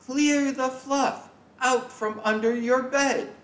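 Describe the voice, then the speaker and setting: An exasperated mother nags her child in a high, insistent voice, as a man puts her on. She sounds like a character in a storybook poem read aloud. The sound is roomy and distant. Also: steady tone, slow pace, a bit bright, heavily acted. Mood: nagging.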